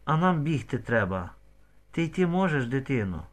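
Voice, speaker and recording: A man's voice: mid-range voice, sing-song, moderate pace, natural voice. A man reading the lines of an anxious, loving village mother in an audiobook, with emotional exclamations. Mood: tender.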